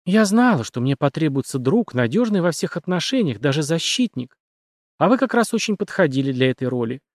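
Man voicing a cold, calm female killer. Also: on the high side, brisk, dry recording, clean studio sound. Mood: calm menace. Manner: soft, composed, menacing.

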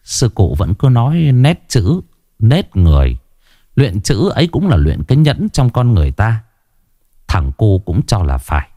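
A man narrating a story in an unhurried, expressive way. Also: on the low side, no room sound, clean studio sound.

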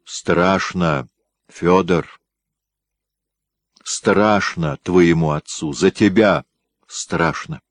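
Guy doing a grumpy old tsar in an audiobook, deep voice pushed up loud and bossy, dry sound. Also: very slow, long pauses, dry recording. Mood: anguished. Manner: raised, forceful, commanding delivery. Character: stern, imperious aging male tsar, quick to rage.

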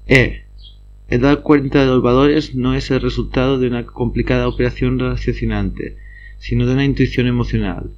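A man reading lecture notes aloud at a steady pace, often stumbling and restarting words. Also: medium pitch, moderate pace. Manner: reads steadily with frequent slips and restarts. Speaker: reader of study notes. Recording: slightly dull lo-fi recording.

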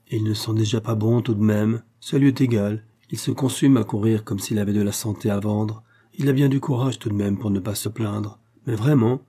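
A man's voice: fairly low pitch, mellow, slightly rough. A man voicing a chattering old peasant woman. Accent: rural French peasant dialect. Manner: rambling, fussing, rustic grammar. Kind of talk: audiobook character reading.

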